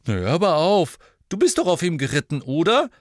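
A man voicing a boastful teenage boy wizard who talks loud and eager. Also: on the high side, wildly swooping pitch, brisk, no room sound, studio quality, pitched above the performer's own voice. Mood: scoffing.

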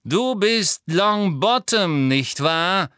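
Man doing a drawling, sneering dark wizard. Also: sits high, lively intonation, takes it slowly, no room sound, studio quality, pitched above the performer's own voice, full character voice. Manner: drawling, mocking. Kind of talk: audiobook character voice.

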